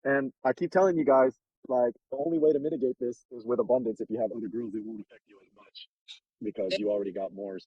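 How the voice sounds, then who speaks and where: A man's voice: mid-range voice, fairly even intonation, fast, husky, no echo, highs cut off. A man hosting a casual advice chat, blunt, profane and streetwise, talking from a car. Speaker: host giving dating advice.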